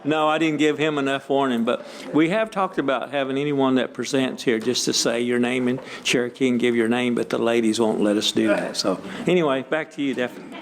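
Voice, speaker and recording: Joking council speaker over background noise. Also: male voice, mid-range voice, brisk, few pauses. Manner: joking, relaxed. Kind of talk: casual remarks at a meeting.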